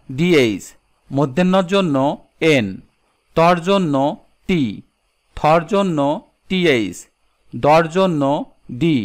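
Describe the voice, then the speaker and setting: A man with a somewhat high voice narrates a scripted language lesson. He moves through letters and example words one by one, in a slow, even teaching manner. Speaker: English teacher.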